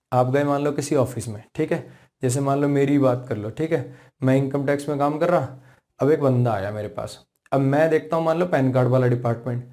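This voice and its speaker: Warm-voiced man teaching English grammar. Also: medium pitch. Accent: Indian. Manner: explains patiently, repeats points and checks understanding; slows right down to spell out English example sentences. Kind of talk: classroom lesson.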